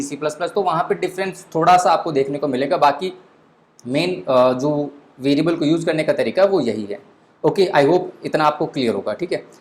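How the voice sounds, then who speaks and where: A man teaches a beginner programming lesson in a fairly high voice. He explains step by step, slips English phrases into Hindi and often says 'theek hai' as a filler. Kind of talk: screen-recorded coding lesson.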